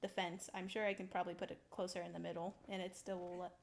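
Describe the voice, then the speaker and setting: A young woman casually talking through her building in a video game, rambling slowly with lots of ums and little laughs. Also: on the low side, level tone, gravelly. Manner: slow, rambling, giggly, full of ums. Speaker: streamer building in a survival game. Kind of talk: casual gameplay commentary.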